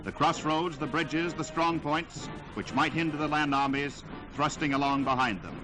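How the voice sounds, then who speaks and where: A man's voice from an old newsreel soundtrack, narrating wartime footage in a dramatic, declamatory 1940s style. His voice sits fairly high. A loud music score runs underneath him. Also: normal speed, poor audio.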